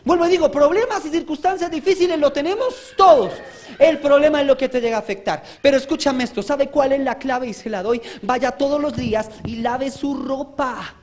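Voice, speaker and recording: A male pastor giving a live church sermon, fervent and exhorting, breaking into shouts and joking asides. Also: very high voice, fairly quick. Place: church service.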